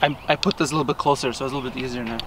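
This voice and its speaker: A man in his thirties hosting a casual outdoor video, excited and laughing often. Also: mid-range voice, rapid-fire, noisy background. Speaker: video host. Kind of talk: casual vlog commentary. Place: outdoors in an orchard.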